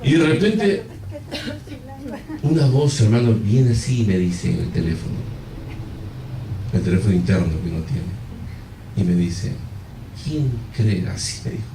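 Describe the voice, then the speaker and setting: A man's voice: on the low side, moderate pace, pauses often, background noise. A man pastor preaching a sermon, telling a story with animation and speaking straight to the congregation. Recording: echoey hall, far from the mic.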